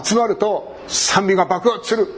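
A man's voice: high-pitched, fairly even intonation, normal speed, a bit bright, slight background noise. A man preaching a sermon. He talks animatedly, cracks jokes and acts out short everyday conversations. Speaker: pastor.

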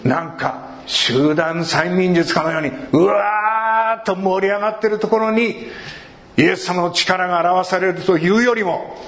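A man pastor giving an earnest sermon and prayer to a congregation, with warm asides. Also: sits high, fairly even intonation, measured pace, a little hiss or hum. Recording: echoey hall, faint room ambience.

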